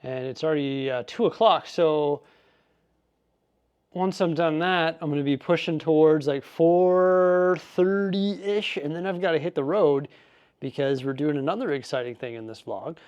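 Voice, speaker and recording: A man's voice: fairly high pitch, moderate pace, a little mellow, muffled recording. A man chatting casually and upbeat in a vlog as he tidies his garage and studio, rambling through asides. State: out of breath. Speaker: vlogger.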